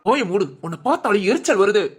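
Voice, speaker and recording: A voice actor playing an angry young husband in a cartoon, scolding his wife in a sharp, bossy way. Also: mid-range voice, lively intonation, quick pace, slightly rough. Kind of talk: cartoon voice acting.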